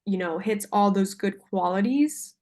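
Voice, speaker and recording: This young woman, a salesperson, gives an informal and slightly hesitant sales presentation to a buyer over a video call with screen sharing. Her voice is mid-range and a bit mellow, moving at a measured pace.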